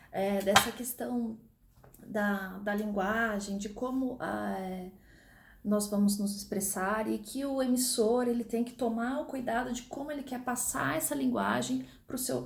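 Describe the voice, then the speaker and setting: Chatty woman lecturing, gravelly. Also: fairly high pitch, darkish tone. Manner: chatty, informal, many fillers and restarts. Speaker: law lecturer. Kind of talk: recorded online class. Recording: echoey room.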